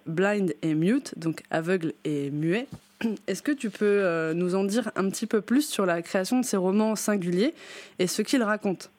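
A woman's voice: lowish voice, darkish tone, no echo. A woman hosting a radio interview, friendly and chatty with light jokes. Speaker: radio host.

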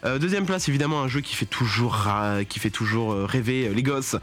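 A man's voice: medium pitch, fairly quick, fairly bright tone. A young man hosting a casual radio segment, rambling with many fillers and joking exasperation. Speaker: radio show host.

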